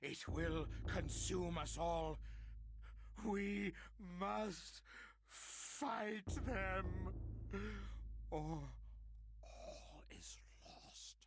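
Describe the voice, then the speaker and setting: A raving, half-mad survivor. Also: male voice, medium pitch, very animated, takes it slowly, background noise. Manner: lurches between hoarse whispers and manic shouts; theatrical, archaic turns of phrase. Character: deranged male survivor raving about monsters. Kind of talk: dramatic horror monologue.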